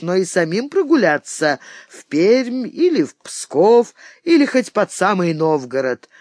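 Brief: teasing old knightly lord, jovial and lively in pitch, read by a male narrator. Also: no room sound, clean studio sound, full character voice. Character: old boastful castle lord, mocking.

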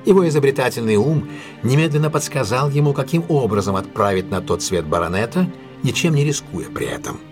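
Music plays behind a male actor whose medium-pitched voice has a sing-song quality. Voicing a brilliant, self-assured detective in an audio drama, he gives an expository monologue that lays out the case with deliberate, emphatic analysis.

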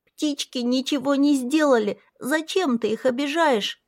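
A woman's voice: high-pitched, animated, measured pace, darkish tone, no echo, studio quality, voice pushed up. A woman voicing a stubborn, capricious little girl princess in an audiobook, with a whiny, insistent childish manner. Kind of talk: audiobook character voice.

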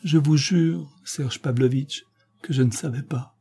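A man reading aloud voices a fragile young woman in love, pitching his voice up and pleading. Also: animated, normal speed, mellow, breathy edge. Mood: broken. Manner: pleading, voice raised above his own.

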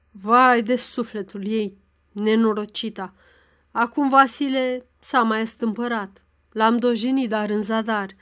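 A woman's voice: fairly high pitch, fairly bright tone, natural voice. A woman reading the lines of an upset middle-aged village schoolteacher in a storybook, reporting grim news. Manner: grave, troubled.

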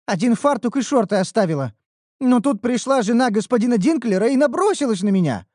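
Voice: mid-range voice, lively intonation, a little fast, darkish tone, dry recording, studio quality, pitched above the performer's own voice, lightly acted. A narrator voicing a whiny young female red elf apprentice who complains and pleads dramatically in an audiobook. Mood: whining. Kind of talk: audiobook character voice.

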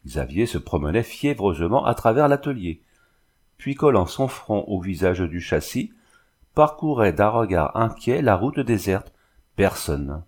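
Low-voiced man reading a novel aloud. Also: sing-song, unhurried, a little mellow. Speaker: audiobook reader. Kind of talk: scripted narration of a novel.

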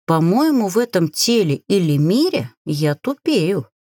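A woman voicing a brash, jumpy young witch heroine who yells and talks back defiantly. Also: on the low side, very animated, a little slow, no room sound, clean studio sound. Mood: wary. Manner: yelling, defiant.

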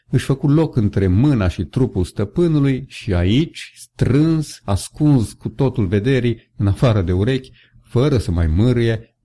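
A man with a husky voice reading a story aloud, measured and steady, giving the characters' lines a little colour. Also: lowish voice. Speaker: audiobook narrator. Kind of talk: scripted narration.

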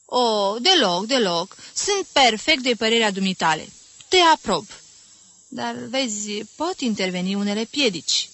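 A woman's voice: mid-range voice, lively intonation, bright, forceful tone. Woman voicing an effusive old society lady. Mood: gushing. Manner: gushing, theatrical, exclamatory.

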